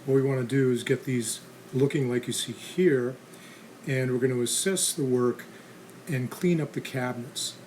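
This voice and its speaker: A man's voice: mid-range voice, fairly even intonation, normal speed, a little mellow. A man giving casual, practical how-to narration as the host of a restoration channel, in a plain instructional manner. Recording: clear background noise and ambience.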